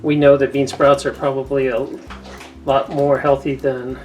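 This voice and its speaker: A woman with a notably deep voice talks casually while she cooks in her home kitchen. She rambles from one story to the next in an easy, chatty way. Faint music plays in the background. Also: little pitch movement, moderate pace, darkish tone. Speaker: cooking channel host. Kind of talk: casual chat while cooking.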